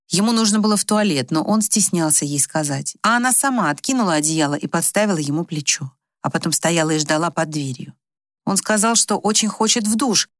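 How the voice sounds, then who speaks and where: Woman, audiobook narration, calm even storytelling, lowish voice, dry recording. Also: no echo.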